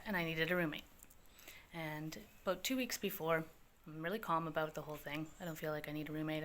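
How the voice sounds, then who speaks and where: A woman spins a personal story in a bright, fairly low voice. She is casual and swears freely, springing into high, excited voices whenever she quotes someone. A faint room ambience sits under her voice. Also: slight background noise. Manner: animated, profane, jumps into high voices for quoted people.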